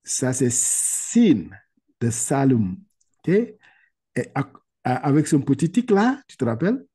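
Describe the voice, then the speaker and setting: A man with a medium-pitched, mellow, husky voice and a very animated delivery teaches Quran reading by video call. His recitation of Arabic words is slow and drawn out for repetition, and he explains patiently, often asking "ok?"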